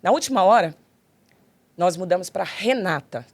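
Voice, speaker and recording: A middle-aged Brazilian woman hosts a podcast and tells a long personal story, lively and expressive, acting out each quoted line. Her voice sits a little low for a woman. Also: moderate pace, dry recording. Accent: Brazilian Portuguese. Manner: animated, acts out quoted dialogue. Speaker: podcast host and pastor.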